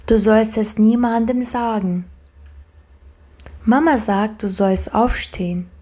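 Slow, mellow woman reading practice sentences. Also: mid-range voice. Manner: slow, evenly paced, measured sentence-by-sentence delivery. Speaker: language example reader.

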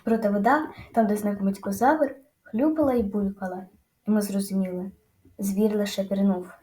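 A woman narrating a children's audiobook with lively, dramatic storytelling. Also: medium pitch, normal speed, roomy sound.

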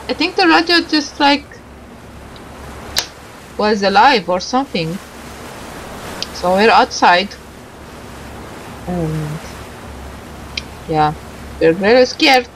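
A woman with a high voice gives casual, reactive let's play commentary, muttering to herself and exclaiming as she plays. The audio is poor, with clear background noise and video game ambience behind her.

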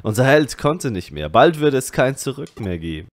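German let's player reading game text. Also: male voice, medium pitch, very animated, normal speed, dry recording, studio quality. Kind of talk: reading game dialogue and narration aloud.

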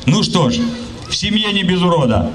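A middle-aged man recites patriotic poetry into a handheld microphone at an outdoor rally, with an emphatic, measured line-by-line delivery. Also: high voice, very animated. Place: outdoor city rally, open square. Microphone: handheld microphone, filmed from the crowd. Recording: noisy outdoor public address, ambient noise.

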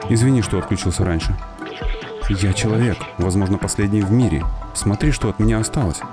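A man's voice: fairly low pitch, fairly quick, over music, close to an everyday voice. A man voicing a forlorn robot companion with lost memories in a video game, reading earnestly and reflectively. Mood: forlorn, searching. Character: forlorn amnesiac robot companion with a human mind. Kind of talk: reading game dialogue aloud.

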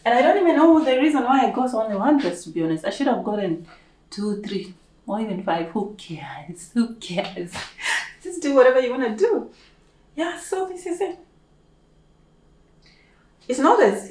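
A young Kenyan-accented woman vlogs from her living room, playfully gushing and hyping herself up to camera in a casual chat. Her voice is on the high side, sing-song and a little mellow, at a moderate pace with long pauses. The camera's own mic picks her up from a few feet away in an echoey room.

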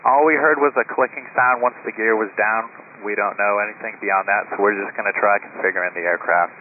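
Calm male pilot on a cockpit headset radio. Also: on the low side, brisk. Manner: calm, clipped readbacks with hesitant fillers. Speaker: airline pilot. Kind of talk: air traffic radio exchange. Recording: tinny radio transmission with faint hiss.

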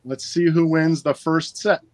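A man's voice: fairly high pitch, fairly even intonation, a little slow, a little mellow, no echo, rough recording. A man hosting a live stream giveaway in a casual, chatty and upbeat way, talking into a phone. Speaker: livestream giveaway host.

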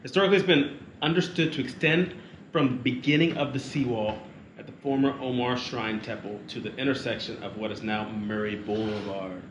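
Speaking a little fast in a medium pitch, a man chats on a family travel vlog, reading facts aloud and teasing a child in a playful, joking way. The recording sounds muffled, echoey, and carries steady background noise.

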